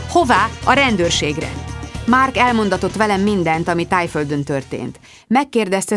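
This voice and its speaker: A woman narrates a first-person story with lively expression. Her voice sits low. The recording is dry, with no room sound. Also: no room sound. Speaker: audiobook reader.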